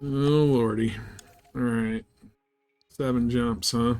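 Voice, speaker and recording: Casual gameplay chat from a live game streamer: a man with a medium-pitched, steady, slightly mellow voice speaks slowly to his viewers. He keeps things laid-back, informal, and colloquial, with faint music playing behind him.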